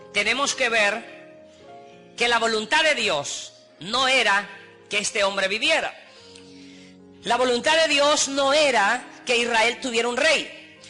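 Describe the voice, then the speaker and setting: A man's voice: extremely high pitch, pushed and bright. A man with a Honduran Spanish accent preaching a sermon with passion, acting out pleading voices through repetition. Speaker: pastor.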